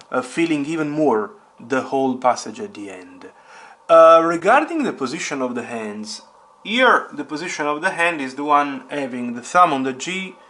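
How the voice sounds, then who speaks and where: A man's voice: medium pitch, fairly bright tone. A man teaching piano step by step, patiently naming notes and fingerings and repeating the key points. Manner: names notes and fingerings aloud.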